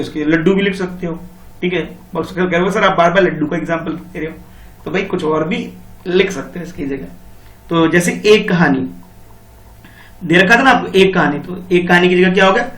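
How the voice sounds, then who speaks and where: High-voiced man teaching in an echoey room. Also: fairly bright tone, far from the mic. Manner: explains patiently, repeats key points, calls students beta. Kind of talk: online Hindi grammar lesson for children.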